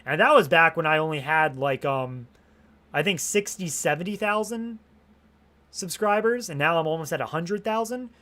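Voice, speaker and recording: A young man chats casually on a live stream, rambling, restarting sentences and swearing freely. After hours of talking he's slightly hoarse, and his fairly high voice has a sharp tone at a moderate pace.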